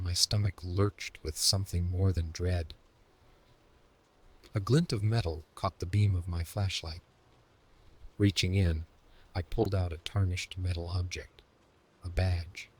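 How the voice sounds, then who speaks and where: A man telling a first-person horror story in scripted narration, slow, hushed and dramatic, sometimes sinking into a whisper. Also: sits low, slightly rough.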